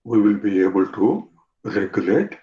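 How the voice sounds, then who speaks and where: A man with an Indian English accent, teaching an online yoga class, talking in an animated way, repeating phrases and asking his students questions. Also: fairly low pitch, moderate pace. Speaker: yoga instructor. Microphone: video call. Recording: roomy, dull lo-fi video call audio.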